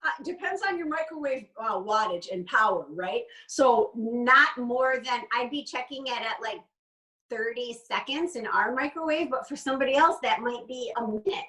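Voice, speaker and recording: A woman's voice: on the high side, normal speed, pushed and bright, far from the mic, low-quality recording. A woman hosting a cooking class, chatting casually and explaining each step as she goes.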